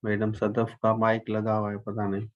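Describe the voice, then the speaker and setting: A man's voice: fairly low pitch, monotone, moderate pace, lo-fi sound. An older man with a Pakistani accent teaching English in a live online class. He switches between Urdu-Hindi and English, repeats phrases and stretches out the example sentences. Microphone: computer microphone.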